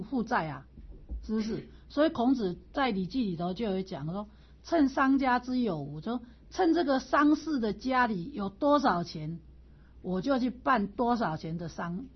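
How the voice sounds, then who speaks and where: A middle-aged woman teaching as a Buddhist lecturer, telling a family story with lively asides, laughter and frequent questions to her listeners. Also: medium pitch, husky. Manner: animated, asks listeners "是不是", laughs through anecdotes. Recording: dull lo-fi recording.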